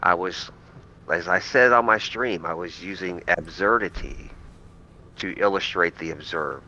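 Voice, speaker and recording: A man's voice: low-pitched, measured pace, bright, forceful tone, dull audio, slight background noise. A man on a podcast, earnestly explaining himself in casual chat, with frequent restarts. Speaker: podcast guest.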